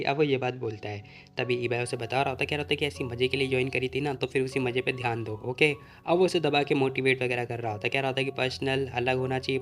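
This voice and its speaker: Fast-talking man recapping a comic story. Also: mid-range voice. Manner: retells the plot, quoting the characters' lines in his own plain voice. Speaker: manhwa recap narrator. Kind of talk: casual story recap narration.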